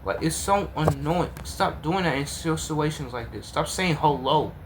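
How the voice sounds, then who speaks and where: A man's voice: on the high side, unhurried, slight background noise. A man hosting a reaction video, talking casually to viewers in an exasperated, repetitive way.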